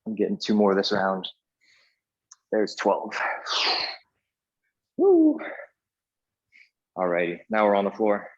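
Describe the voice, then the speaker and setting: A man's voice: sits low, little pitch movement, normal speed, pauses often, lo-fi sound. A man coaching a live workout in an echoey indoor room, giving short cues and counting reps as he exercises along. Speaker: fitness coach leading a workout class.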